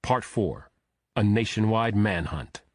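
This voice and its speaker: A man narrating a thriller audiobook in a steady, measured storytelling manner. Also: on the low side.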